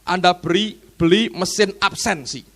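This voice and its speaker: A male pastor preaching a sermon in an animated way, often turning to the congregation. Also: sits high, unhurried. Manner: animated preaching, frequently addressing listeners as "saudara".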